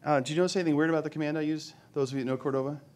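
A man's voice: on the high side, fairly even intonation, very fast, darkish tone. Joking man giving a live tech demo. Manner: joking, self-deprecating, thinks aloud while demoing. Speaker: conference speaker. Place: conference hall with live audience.

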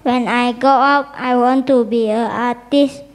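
A speaker reciting a short self-introduction slowly and carefully. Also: female voice, fairly high pitch, steady tone, big-room sound.

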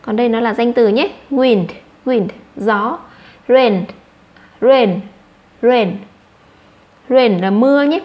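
A woman with a Vietnamese accent runs a children's English vocabulary lesson, slowly repeating every word and then giving an explanation. Her voice is on the high side with a darkish tone.

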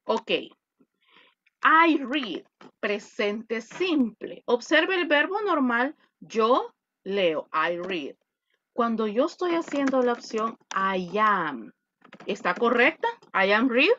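A woman's voice: fairly high pitch, lively intonation, slow pace, a bit bright, lo-fi sound. A woman teaching an online English class, mixing Spanish and English and correcting pronunciation. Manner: switches between Spanish and English.

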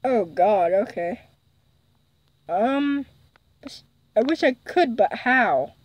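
A woman's voice: fairly high pitch, expressive, very slow, no echo, rough recording. A woman playing a horror game and commenting casually, jumping in fright often and reading the game's text aloud. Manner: jumpy, often exclaims in fright. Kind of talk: casual let's-play commentary.

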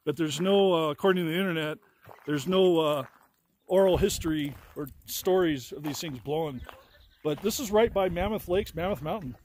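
A man's voice: on the high side, normal speed, darkish tone, a little hiss or hum. A man hosting a travel vlog outdoors on a hiking trail, chatting in a rambling, easygoing way full of fillers, recorded on a camera mic. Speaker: travel vlogger, host. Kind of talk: casual vlog narration on a hike.

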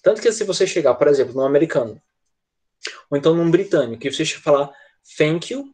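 A man's voice: fairly high pitch, animated, fast talker, a little mellow, husky. A male teacher, giving an online English lesson over a video call and patiently explaining pronunciation with frequent check-ins. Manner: patient, repeats "tá?" checks after each point.

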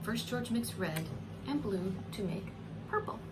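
This is an animated read-aloud of a children's story by a preschool teacher in her forties, who speaks in an expressive, unhurried mid-range voice. She draws out words and turns to her little listeners with coaxing questions. The recording, made at home, is clearly noisy.

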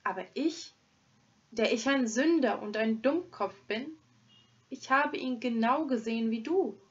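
A woman's voice: a little high, unhurried, lightly acted. A woman doing an easygoing robber. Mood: calm. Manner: soothing, easygoing. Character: calm good-natured male robber. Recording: dull lo-fi recording.

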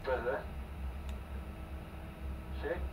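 A man with a Malaysian accent working as a machine operator, giving clipped procedural callouts and repeating calls. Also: drawn-out words. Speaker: centrifuge operator. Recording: noisy, echoey intercom, distant from mic.

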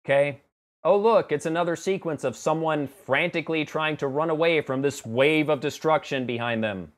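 In a small home office, a film review vlogger in his thirties talks to camera with a slightly high voice at a moderate pace. His movie review is conversational, sarcastic and exasperated.

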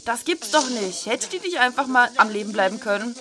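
A woman's voice: a little high, lively intonation, brisk, crowd noise. A woman doing casual let's-play commentary, chatty, irreverent and joking.

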